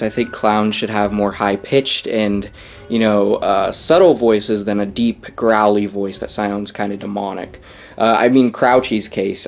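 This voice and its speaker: A man's voice: mid-range voice, a little mellow. A young man casually reviewing a Halloween prop in his bedroom, enthusiastic and rambling, correcting himself as he goes.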